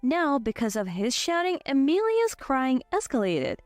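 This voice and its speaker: A woman in her twenties narrating a scripted first-person story with an even, steady delivery. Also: sits high, unhurried, no room sound, faint music behind. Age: 20s.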